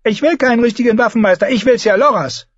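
A man reading an audiobook, voicing a petulant, demanding boy king in a high, whiny voice. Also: animated, moderate pace, dry recording, dull audio. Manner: whiny, insistent, pitched up high.

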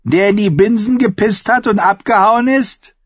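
A man doing a shrill jeering teen squire. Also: normal speed, husky, no echo. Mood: mocking. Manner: loud, taunting, shrill. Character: jeering drunk teenage boy squire. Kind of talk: audiobook character voice. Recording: dull, lo-fi, dry.

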